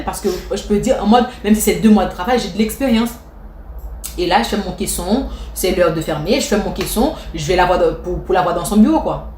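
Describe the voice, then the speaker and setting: A woman vlogger telling a personal story in a casual way, with many restarts. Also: mid-range voice. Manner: lively retelling with restarts and acted quotes. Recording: echoey room, faint noise.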